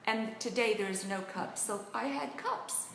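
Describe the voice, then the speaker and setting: Animated woman storytelling on a live stream. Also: measured pace, creaky. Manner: animated, acts out quotes with pitch jumps and laughs; greets viewers by name mid-story. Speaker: relationship coach hosting a live video. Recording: echoey room with faint noise.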